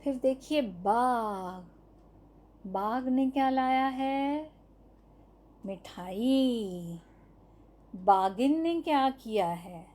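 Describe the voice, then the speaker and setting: A woman's voice: on the high side, lively intonation, very slow, long pauses, darkish tone. A woman teaching an online lesson to young children, stretching out each syllable and answering her own questions. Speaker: primary school teacher.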